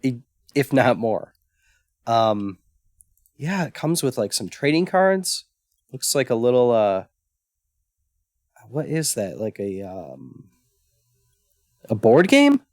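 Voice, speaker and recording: A man's voice: medium pitch, sing-song, takes it slowly, pauses often, darkish tone, no echo, studio quality. A man co-hosting a casual retro gaming podcast, easygoing and stumbling over his words. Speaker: podcast co-host. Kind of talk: casual chat.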